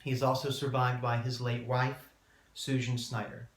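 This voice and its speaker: A man delivering a prepared eulogy as a speech, solemn and measured, with deliberate pauses. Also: medium pitch, little pitch movement. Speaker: student speaker giving a eulogy. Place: indoor room, public speaking class. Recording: roomy, echoing room sound.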